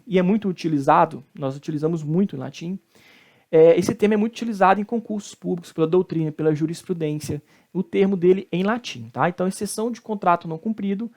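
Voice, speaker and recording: A law professor with a Brazilian Portuguese accent gives a recorded lecture, explaining step by step with frequent tag questions. He slows down to pronounce Latin terms, and his voice is high with a darkish tone.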